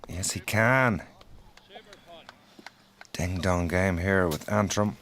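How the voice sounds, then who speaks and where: A man's voice: low voice, slow, a bit bright. A man giving commentary at a golf tournament. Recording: clear outdoor ambient noise.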